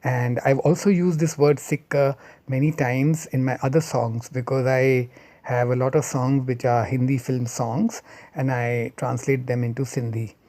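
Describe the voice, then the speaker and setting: Mellow-voiced man explaining idioms. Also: medium pitch, steady tone. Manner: unhurried, chatty, with personal asides. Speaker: language explainer. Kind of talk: casual explanatory talk.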